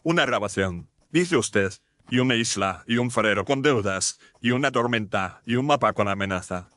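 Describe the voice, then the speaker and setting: A man's voice: mid-range voice, animated, moderate pace, fairly bright tone, no room sound, studio quality, natural voice. A man playing a grumbling police inspector. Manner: blunt, grumbling, practical. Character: gruff, impatient male police inspector.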